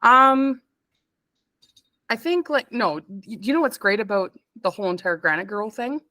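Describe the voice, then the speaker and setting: Here she's a medium-pitched, expressive speaker at a moderate pace, her tone pushed and bright with no echo. The woman, a Canadian stone fabricator in her thirties, chats loosely as an interview guest and laughs often.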